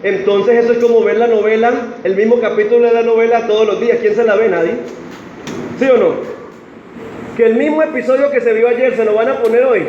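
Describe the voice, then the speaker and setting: A man preaches with lively energy, often asking the congregation to answer or repeat after him. His voice sits high. The recording is a dull, echoey capture from a church hall with faint noise behind him. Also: a little fast. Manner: animated preaching with audience call-and-response. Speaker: pastor. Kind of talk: sermon. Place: church sanctuary.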